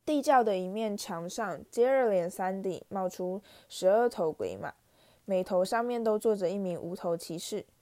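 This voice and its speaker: Woman narrator, mellow, steady audiobook reading. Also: mid-range voice, moderate pace. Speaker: storyteller.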